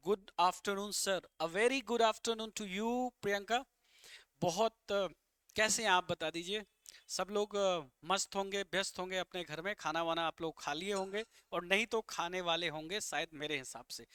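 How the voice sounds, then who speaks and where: Man, teacher, live online vocabulary lesson, bright tense voice, coaxing viewers. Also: high voice, moderate pace, smooth, no room sound. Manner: explains English words in Hindi, coaxing viewers to comment.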